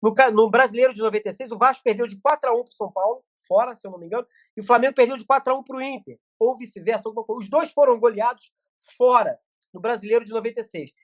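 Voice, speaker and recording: A middle-aged man, chatting as a guest on a podcast. He rattles off stories at a quick clip, stumbling and restarting mid-sentence. His voice sounds dry and close to the mic. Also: extremely high pitch, no echo. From Brazil. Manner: rapid storytelling with many restarts. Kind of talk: casual chat.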